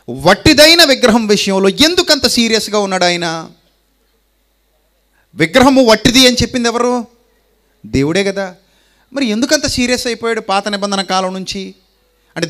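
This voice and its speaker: A man's voice: high voice, a bit bright. A man preaching a sermon, who asks rhetorical questions and repeats his lines for emphasis.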